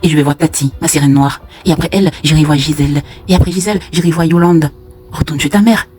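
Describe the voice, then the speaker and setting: A cruel, self-admiring husband from a spoken tale, as the narrator puts him on. He boasts and mocks in a plain, mid-pitched voice. Soft music plays underneath. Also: fast talker, husky, close to an everyday voice. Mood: mocking. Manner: mocking, boastful. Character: vain cruel unfaithful husband, grown man.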